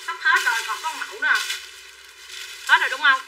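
A woman's voice: sits high, expressive, quick pace, pushed and bright. A woman running a live sales stream, chattily calling out prices and buyer names and coaxing viewers to buy. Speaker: livestream clothing seller. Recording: distant mic with faint background noise.

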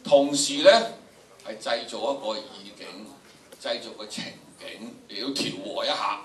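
In a large lecture room full of listeners, a drama lecturer in his 70s with a Hong Kong Cantonese accent gives an animated class, emphatic and theatrical, repeating phrases for effect. He speaks on the low side at a measured pace. The audio is echoey, distant, and noisy.

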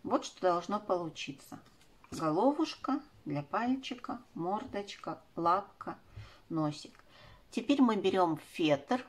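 A craft tutorial presenter, a woman in her forties, walks children through a craft step by step, peppering her speech with affectionate diminutive words. Her voice is lowish and slightly rough.

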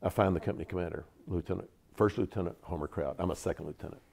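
A man's voice: deep voice, very fast, gravelly, darkish tone, slightly rough. A man in his seventies from Georgia with a Southern accent, vividly recounting stories in an interview, repeating words for emphasis. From Georgia, USA. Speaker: interview guest, veteran. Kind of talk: storytelling interview.

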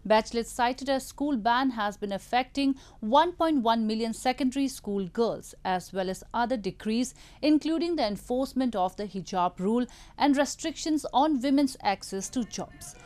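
A female news anchor reading scripted headlines in a studio with a measured, formal delivery. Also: fairly high pitch, animated, a little mellow.

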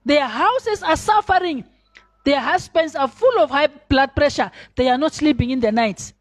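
A woman's voice: sits high, expressive, normal speed. A middle-aged woman pastor, preaching a sermon with strong rises and sudden drops in volume.

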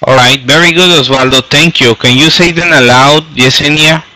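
A man's voice: on the high side, measured pace, pushed and bright, poor audio. A man teaching an online English class, patiently repeating and modeling words for his students.

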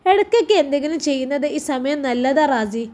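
A woman voicing a cheerful young wife who gently coaxes her husband, in a Malappuram Malayalam accent. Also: high-pitched, animated, quick pace. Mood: coaxing.

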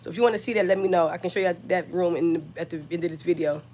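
A woman's voice: on the low side, rapid-fire, a little mellow, faint music behind. Woman host, sick and scratchy-voiced, chatting loosely to live viewers on a phone. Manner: chatty, talks straight to viewers, many fillers. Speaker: crafter hosting a live stream. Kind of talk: casual live-stream chat and tutorial.

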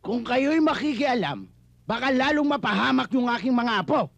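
A man's voice: extremely high pitch, very animated, normal speed, creaky, fairly bright tone, no echo, muffled recording, exaggerated voice. An actor playing a wealthy older grandfather, pleading and stern in a film drama. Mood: anxious. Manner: pleading yet stern, steadies himself. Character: worried wealthy old grandfather, a don. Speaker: kidnapping victim's grandfather.

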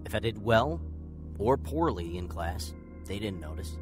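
Speaking over music at a measured pace, a lowish-voiced man uses lively intonation. He is the narrator and lead in a scripted first-person radio drama, reflectively portraying a man who earnestly looks back on a bitter, lonely youth.

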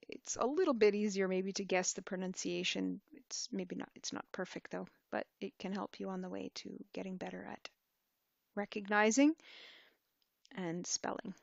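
A woman teaching a language in a screen-recorded tutorial, speaking in a relaxed, hesitant way and thinking aloud as she types. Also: medium pitch, normal speed, gravelly, no echo, muffled recording.

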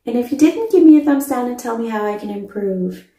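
A woman's voice: on the high side, animated, brisk, dark tone, echoey room. A middle-aged woman in a casual product review vlog, enthusiastic and emphatic, repeating words for stress, recorded on a phone camera in a small indoor room. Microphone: phone camera mic at close range.

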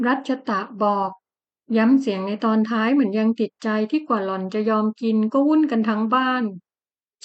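A woman narrating a romance novel in an audiobook with an even, measured delivery. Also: fairly high pitch, lo-fi sound.

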